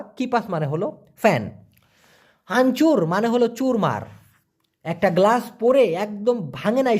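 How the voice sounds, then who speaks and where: A man teaching a vocabulary lesson, spelling words letter by letter and repeating them slowly. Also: high voice. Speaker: language teacher.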